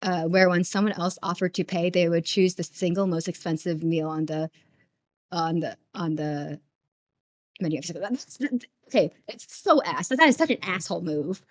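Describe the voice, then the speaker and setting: A young woman livestreaming while she draws, telling stories in casual chat, rambling and animated with lots of stammered restarts. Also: on the low side, normal speed.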